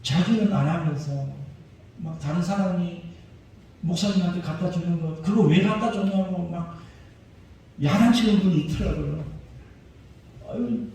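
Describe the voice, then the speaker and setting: High-voiced male pastor in an echoey hall. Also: moderate pace, gravelly, warm tone, slight background noise. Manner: emphatic, asks the congregation rhetorical questions. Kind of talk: sermon. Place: church sanctuary. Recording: very echoey church hall, voice far from mic.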